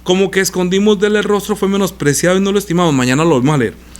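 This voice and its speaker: A male preacher teaches from the Bible in a loose, conversational way. His voice sits a little high for a man, and he keeps tossing rhetorical questions at his listeners. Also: rapid-fire. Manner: animated, rhetorical questions to the congregation.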